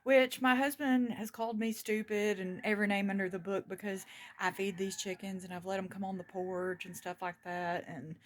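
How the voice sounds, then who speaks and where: Woman, home vlogger, casual chatty delivery, clear household noise and crinkling behind. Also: mid-range voice. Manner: chatty, nervous whispering in the basement. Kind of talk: casual vlog chat. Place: home, moving around indoors and outdoors.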